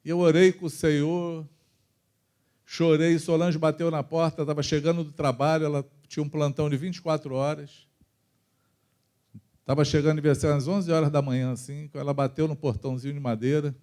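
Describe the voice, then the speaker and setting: A man's voice: a little high, flat delivery, moderate pace. Brazilian preacher man telling his story. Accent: Brazilian Portuguese. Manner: emotional storytelling, swings between loud and soft. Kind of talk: sermon testimony. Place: church.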